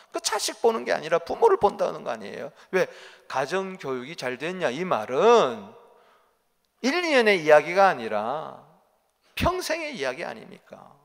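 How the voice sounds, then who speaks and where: Pastor guy preaching, lively up-and-down voice, lotta questions to the pews, long church echo. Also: high voice. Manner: preacherly, rhetorical questions to the congregation; dramatic swings between loud and quiet. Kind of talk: sermon. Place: church sanctuary.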